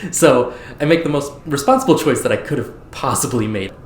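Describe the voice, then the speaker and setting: A man's voice: mid-range voice, moderate pace, slight background noise. Young man telling a story through chuckles. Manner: chuckling as he tells it. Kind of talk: casual anecdote. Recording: roomy recording.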